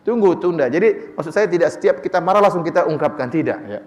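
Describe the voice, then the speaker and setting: Fast-talking male preacher in reverb. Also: on the high side. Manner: lively, acts out quoted dialogue, chuckles. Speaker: preacher answering questions. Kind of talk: sermon Q&A.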